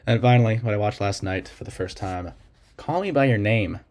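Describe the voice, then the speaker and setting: A man's voice: lowish voice, a little fast, a little mellow, a little hiss or hum. A young man rambling casually and gushingly through a film review, full of fillers.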